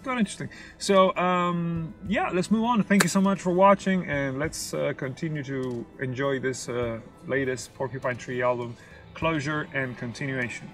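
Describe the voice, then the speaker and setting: A young man with a high-pitched voice reacts to music in a car, speaking English as a second language. He is casual and expressive, often pausing to hunt for the English word, with faint music in the recording. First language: not English. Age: young adult. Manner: halting, searching for English words mid-thought; expressive, sings out rhythms in syllables. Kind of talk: casual off-the-cuff music commentary. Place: inside a parked car in daylight.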